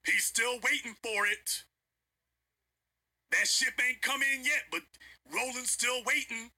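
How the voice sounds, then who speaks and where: A man with a high, piercingly bright voice and a husky rasp delivers a livestream commentary rant. He talks in an emphatic, preachy, confrontational way and hammers points home by repeating them. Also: slow pace. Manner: emphatic, repeats lines for effect. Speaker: online political commentator.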